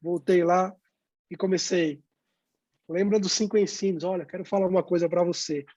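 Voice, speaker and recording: A man's voice: sits high, fairly even intonation, darkish tone, no room sound, lo-fi sound. A man, a pastor, telling stories of sharing his faith and acting out the conversations. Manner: storytelling, acts out dialogue, pauses with "né?". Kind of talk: testimony in a youth talk.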